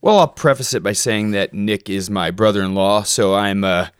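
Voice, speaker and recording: A man co-hosting a casual podcast, talking in a relaxed, easygoing way and joking at his own expense. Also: fairly low pitch, moderate pace, clean tone, no room sound, studio quality. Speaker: podcast co-host.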